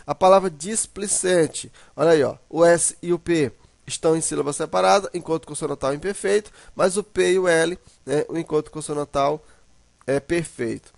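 A man's voice: a little high, moderate pace, vocal fry, no echo. A man teaching a grammar lesson, pointing to examples and often checking in with his students. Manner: repetitive, checks in with "né" and "ó".

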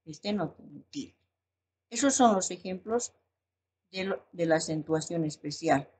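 Slow-talking woman teacher explaining a lesson, lots of ums, careful word by word. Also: on the low side, animated, a little mellow, slight background noise. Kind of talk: recorded online language lesson.

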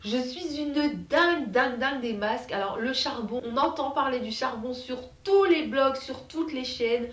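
A woman's voice: sits high, normal speed, few pauses, echoey room, recorded from a distance. A French woman chatting casually as a beauty vlogger, bubbly and full of fillers. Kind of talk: casual chat to camera.

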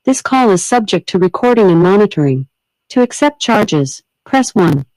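A woman reading an automated collect-call announcement from a jail, played over a phone line in an even, scripted, prompt-like delivery. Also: mid-range voice, moderate pace. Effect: automated jail collect-call message played over a phone.

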